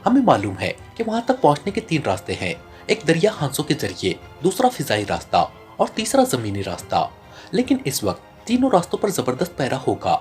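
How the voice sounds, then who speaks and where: A cool, calculating male secret agent, as an audiobook narrator puts him on, speaks in a flat, icy voice. His threats come out level and unhurried. Light music plays faintly behind the reading. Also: medium pitch. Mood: cold.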